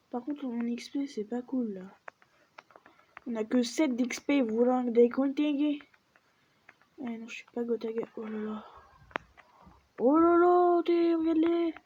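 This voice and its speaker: A woman commenting casually on her gameplay, chatty and self-mocking, with excited exclamations. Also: on the high side, unhurried, pauses often, husky. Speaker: gaming video host. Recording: dull lo-fi sound with faint noise.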